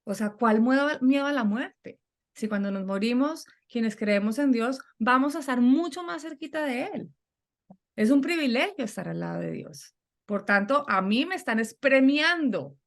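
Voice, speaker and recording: A middle-aged woman telling a personal story in conversation, animated and acting out the voices she quotes. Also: fairly high pitch, normal speed. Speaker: guest.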